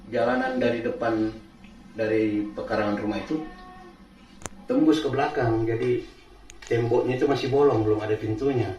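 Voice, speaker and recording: A man casually recounting a true experience, halting and repeating phrases as he goes. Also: medium pitch, darkish tone. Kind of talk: casual spoken storytelling. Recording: roomy, distant mic, faint background noise.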